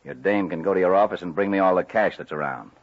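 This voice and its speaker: A deep, husky, menacing gangster boss. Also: male voice, fast talker. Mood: cold menace. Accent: American. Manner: terse, threatening. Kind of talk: old radio crime drama acting. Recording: muffled old radio recording.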